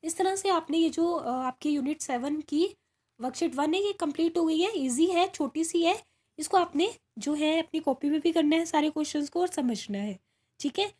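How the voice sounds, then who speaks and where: A woman's voice: sits high, moderate pace, darkish tone. A woman teaching primary school from a worksheet, patiently walking young pupils through each step and often checking they follow. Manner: patient, repeats "ठीक है" and calls pupils "बेटा". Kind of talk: recorded worksheet lesson for children.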